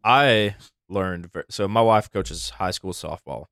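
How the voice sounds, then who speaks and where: A man's voice: sits low, slow, fairly bright tone, no echo. A man co-hosting a casual podcast chat, reflective and earnest, often checking in with "right?".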